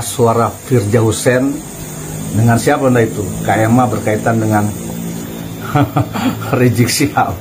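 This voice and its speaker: A man's voice: mid-range voice, a little hiss or hum, rough recording. A man giving casual online commentary, chuckling and firing off pointed rhetorical questions. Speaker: YouTube commentator.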